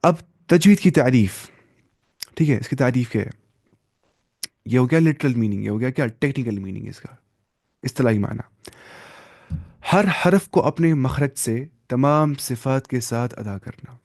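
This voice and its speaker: A man's voice: medium pitch, animated, pauses often, a little mellow, dry recording. Man teaching tajweed, dry close sound. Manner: mixes English terms into his explanations, asks and answers his own questions. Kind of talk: online lesson explaining terms.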